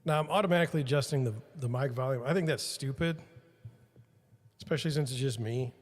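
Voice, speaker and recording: Talking at a quick pace in a mid-range voice, a podcast host in an echoey room rambles to viewers and puts himself down as he fixes gear on a livestream. His studio mic's levels shift throughout.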